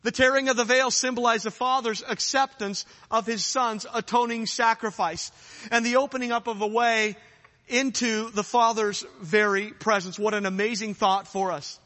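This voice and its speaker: A man's voice: high-pitched, fairly even intonation, normal speed, pushed and bright. Man, preacher, sermon, fervent, reverberant hall. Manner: urgent, rising to fervent challenges.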